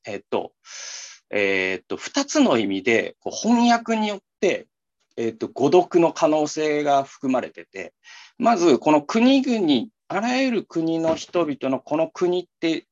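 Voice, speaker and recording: A talk show co-host with a mid-range voice explains things at length in a casual, rambling style, full of fillers and restarts. The audio has its highs cut off.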